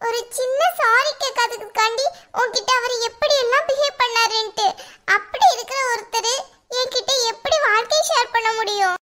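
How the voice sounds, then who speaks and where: A very high, bright and piercing cartoon voice of a young married village woman, acted by a woman. She sounds tearful and anxious, fretting aloud in despair. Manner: tearful, despairing, talks to herself. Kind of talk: cartoon voice acting.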